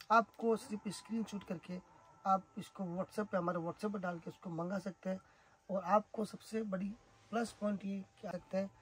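A man from Rajasthan, giving an emphatic, repetitive sales pitch for the sarees he makes. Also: breathy edge, low-quality recording. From Rajasthan, India. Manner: emphatic, repetitive praise of the goods. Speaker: saree seller and manufacturer. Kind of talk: sales pitch showing products.

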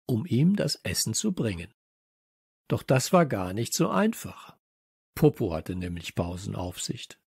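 Slow, gravelly male storyteller. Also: mid-range voice, a little mellow, no echo, clean studio sound. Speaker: audiobook reader. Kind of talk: children's audiobook narration.

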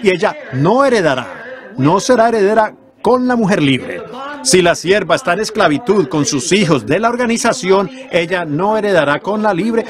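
A man interpreting a sermon in an earnest preaching voice, often turning to the congregation with rhetorical questions. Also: high voice. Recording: congregation noise from an old sermon tape behind the voice. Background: congregation in a church.

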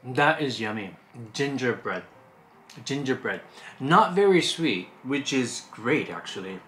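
A woman's voice: extremely low pitch, expressive, a little slow, fairly bright tone, faint music behind. A woman hosting a food review, chatting casually and thinking aloud while tasting snacks.

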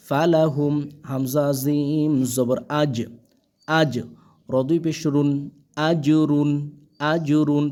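A man gives a call-and-repeat Quran reading lesson, spelling out every letter and its vowel marks one at a time. His voice is a little high but soft and warm. He stretches the recited words out slowly and keeps checking that his learners are following.

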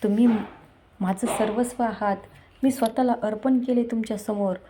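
A woman's voice: on the high side, fairly even intonation, normal speed, mellow, close to an everyday voice. A woman voicing a devoted, strong-willed wife who talks with emotion and insistence. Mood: firm.

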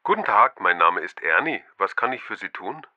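A courteous male hotel receptionist for a language course. He has a polite customer service voice, slightly low and lively in its intonation. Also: moderate pace, phone-quality sound. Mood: polite, helpful. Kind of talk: acted language-course dialogue.

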